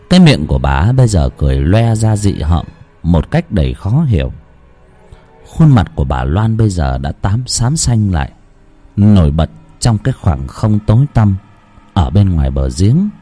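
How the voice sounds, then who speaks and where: Low, mellow male storyteller. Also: very animated, normal speed, faint music behind. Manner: chatty and joking in the intro, grave when reading. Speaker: horror story narrator. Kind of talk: casual chat, then dramatic narration.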